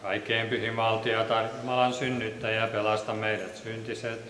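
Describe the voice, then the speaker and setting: A man reading liturgical prayers in a steady, monotone recitation in a large church. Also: on the low side, slight background noise. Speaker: liturgical reader. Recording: echoey church with long reverb.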